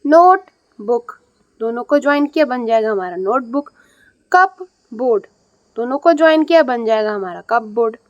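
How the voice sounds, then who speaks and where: A woman's voice: a little high, expressive, fast talker, few pauses, a little mellow, no room sound, highs cut off. A woman teaching young students English reading, explaining patiently and checking in often. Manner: patient, repeats and checks with "ठीक है".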